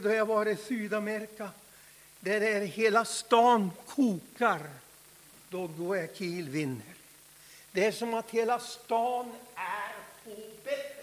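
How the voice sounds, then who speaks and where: A man preaching a fervent Pentecostal sermon, swinging from hushed asides to loud shouts. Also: very high-pitched. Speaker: pastor. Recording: long hall reverb.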